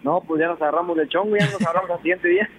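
A man's voice: high-pitched, steady tone, racing, slightly rough. A man calling into a radio show, hesitant and rambling as he tells his story. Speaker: radio caller. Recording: tinny phone line.

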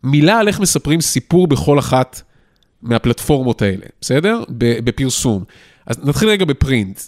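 A man's voice: medium pitch, very animated. A man hosting a casual interview, asking structured, articulate questions. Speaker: podcast host.

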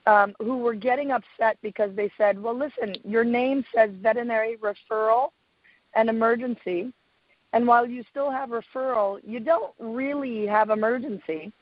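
A woman with a raspy voice from a cold and laryngitis, explaining things conversationally as a radio guest. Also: a little high, dry recording, phone-quality sound. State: getting over a cold and laryngitis. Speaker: guest expert, veterinary surgeon and clinic owner.

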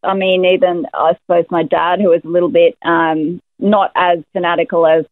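A woman's voice: fairly low pitch, little pitch movement, moderate pace, no echo. A woman chatting casually as a caller to a radio show over a tinny phone line.

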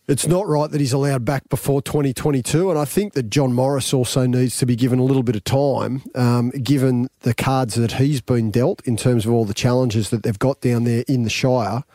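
A man's voice: mid-range voice, dark tone, no room sound, studio quality. An Australian-accented man speaking as a sports panellist, giving opinions in a blunt, emphatic way.

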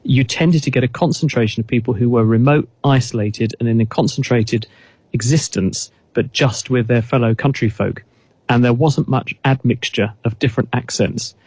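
A man's voice: mid-range voice, moderate pace, a little mellow, husky, dry recording. A man, a guest expert on a radio chat, explaining thoughtfully with frequent restarts.

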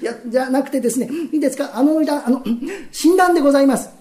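A man's voice: very high voice, racing, warm tone. A man in a rakugo telling voicing a fawning young brothel attendant who talks in an overly polite, servile way. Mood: fibbing. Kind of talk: rakugo storytelling.

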